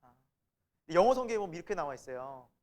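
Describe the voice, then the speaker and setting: Church Bible teacher, sermon delivery, pitch swings a lot, acts out the people quoted. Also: quick pace. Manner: animated, asks the congregation questions and answers them; acts out the quoted speakers in lively voices. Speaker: preacher teaching a Bible class.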